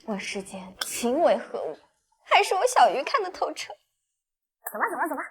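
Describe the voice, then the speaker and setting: A bold, romantic young woman from another world in a screen drama. Her voice is very high and lively in pitch, and she is chatty, perky and coaxing. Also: normal speed. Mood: bold, persuasive.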